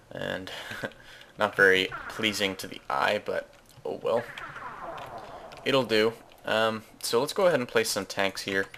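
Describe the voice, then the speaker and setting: Gaming host, male, lowish gravelly voice, loose self-correcting chatter over gameplay, faint keyboard clatter behind. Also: a bit bright, slight background noise. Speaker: Let's Play host. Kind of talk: casual gameplay commentary.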